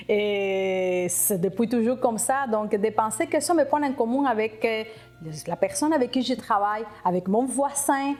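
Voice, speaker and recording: A middle-aged woman from Cuba, speaking French, telling her immigration story in an interview, reflective and halting with frequent restarts. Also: a little high, darkish tone. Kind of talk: personal testimony interview.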